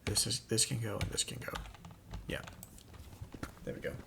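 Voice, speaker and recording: A man's voice: lowish voice, level tone, moderate pace, vocal fry. A young man hosting a gaming channel, telling a rambling, exasperated story in casual talk while he plays. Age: young adult. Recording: noisy, keyboard clicks behind.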